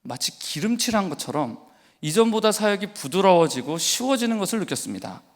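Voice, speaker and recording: Korean pastor preaching in a reverberant hall. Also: male voice, high-pitched, very animated, a little fast. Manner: emotional personal testimony, rising to fervent exhortation. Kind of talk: sermon. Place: church sanctuary. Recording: long church hall reverb.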